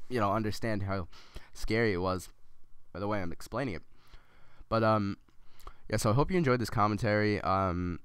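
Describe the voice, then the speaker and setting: A man's voice: on the low side, normal speed, clear, resonant tone, dry recording. A man rambling through a story as casual gameplay commentary, with many ums and restarts.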